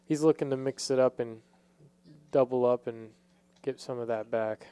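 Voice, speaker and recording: Guy doing laid-back poker commentary, soft mellow tone, clean smooth voice, kinda feels his way through sentences. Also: mid-range voice, steady tone, normal speed. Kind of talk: casual live poker commentary.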